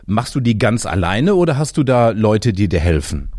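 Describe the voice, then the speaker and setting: A man's voice: fairly low pitch, sing-song, moderate pace, a little mellow, dry recording, clean studio sound. A man hosting an interview podcast, asking friendly, chatty questions with fillers. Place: Christmas market.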